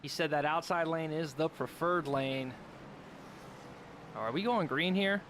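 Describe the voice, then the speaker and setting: A young man calling a sim racing broadcast, excitable and quick to laugh during close battles. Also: fairly high pitch, slight background noise. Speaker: race commentator.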